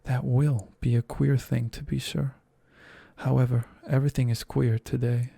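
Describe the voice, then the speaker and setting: A man voicing a polite, eager young girl in a soft whispered role-play. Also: medium pitch, little pitch movement, moderate pace, vocal fry, dry recording, studio quality. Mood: earnest. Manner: earnest, eager, soft-spoken.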